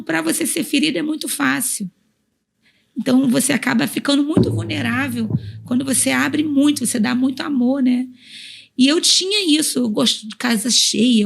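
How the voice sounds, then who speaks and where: A woman's voice: sits high, normal speed, gravelly, husky. A woman pastor telling her personal story as a podcast guest, heartfelt and emotional, repeating phrases as she goes. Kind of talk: personal testimony in a podcast interview.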